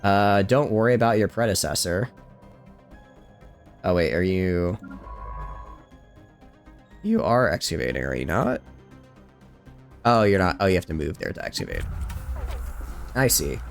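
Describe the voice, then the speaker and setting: A man with a fairly low voice commentates a strategy game at home, keeping his voice down late at night. His delivery rambles and turns to self-mocking jokes, and his pitch swings widely as he talks. Soft game music plays faintly behind him. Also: animated, a little slow, vocal fry, pauses often. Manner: speaks quietly, rambling and self-joking. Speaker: streamer. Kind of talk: casual gameplay commentary.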